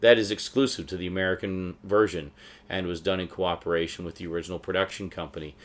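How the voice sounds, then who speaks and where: A man with a low, steady voice talks at a quick clip, vlogging casually and without a script as he shows off the DVDs he's collected. He rambles along with a fan's enthusiasm.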